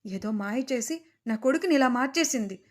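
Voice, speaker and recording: A woman's voice: a little high, lively intonation, brisk, close to an everyday voice. A woman voicing a middle-aged mother-in-law who pleads through tears. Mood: tearful. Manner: pleading, tearful.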